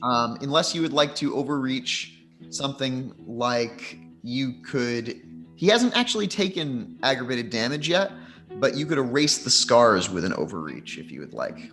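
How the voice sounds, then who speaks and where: A man narrating as game master of a tabletop game, in a measured, relaxed way with plenty of fillers. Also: mid-range voice, soft background music.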